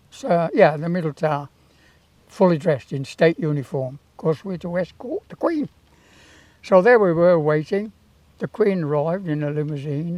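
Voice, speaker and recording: An elderly man in his eighties telling anecdotes from memory in an interview, in an unhurried, rambling way with hesitations. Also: fairly high pitch, a little mellow, dry recording. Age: 80s. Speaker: town crier and former Tower of London yeoman warder. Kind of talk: reminiscing in interview, anecdotal storytelling.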